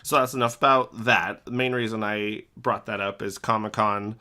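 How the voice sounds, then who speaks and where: A young man chatting on a podcast, retelling a story with animated delivery and leaping into high voices for the quotes. His voice sits low but has a bright, forceful edge. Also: normal speed, smooth. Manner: animated storyteller, acts out quotes with big pitch jumps. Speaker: podcast co-host. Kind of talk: casual storytelling chat.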